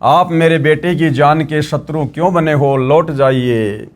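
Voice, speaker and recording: A man's voice: fairly high pitch, a little slow, close to an everyday voice. A pleading mother, as a man reads her. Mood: protective. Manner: pleading, protective. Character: distressed mother defending her son.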